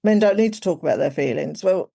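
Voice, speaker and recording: A woman's voice: low voice, lively intonation, fast talker, vocal fry, mellow, husky. A woman, chatting casually as a podcast guest, full of "like" and "you know". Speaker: guest, executive coach.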